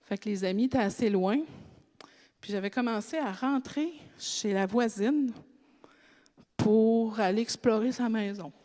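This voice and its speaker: A woman's voice: fairly high pitch, measured pace, mellow, big-room sound. A woman with a Québécois French accent giving a sermon, telling a childhood story in a conversational way. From Quebec. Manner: conversational, tells a childhood story with quoted dialogue. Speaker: pastor. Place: church sanctuary.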